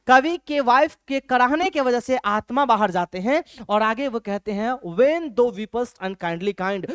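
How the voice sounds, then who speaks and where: A male teacher gives a lecture in a lively, conversational way. He keeps checking whether his listeners follow and slows right down to read lines of verse. The sound is dry and close. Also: high-pitched, no echo. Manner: lively, keeps asking if things are clear; reads English verse slowly. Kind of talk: classroom-style lecture.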